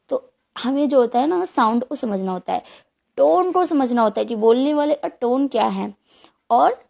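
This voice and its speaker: A woman's voice: high-pitched, creaky, highs cut off. A woman teacher giving an online exam-prep lecture, explaining step by step and answering her own questions.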